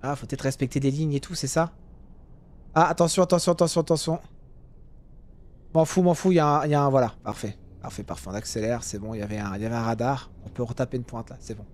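A young man giving casual, jokey commentary while playing a driving game, now and then yelling at other drivers. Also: mid-range voice, steady tone, quick pace. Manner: chatty, jokey, swings to loud yelling at drivers. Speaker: gaming youtuber.

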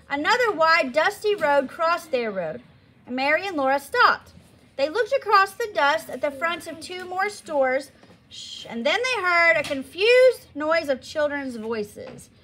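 A woman reads a children's novel aloud with expressive storytelling. Her voice sits high and bright, and her pitch moves a lot. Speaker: storybook reader.

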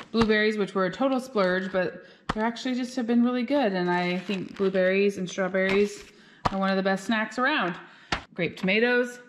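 A woman's voice: on the low side, background noise. A woman in her thirties hosting a casual shopping vlog, chatty and upbeat, talking straight to her viewers from her car and kitchen. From Alaska. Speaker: vlog host. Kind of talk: casual shop-with-me vlog chat. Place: car, then home kitchen.

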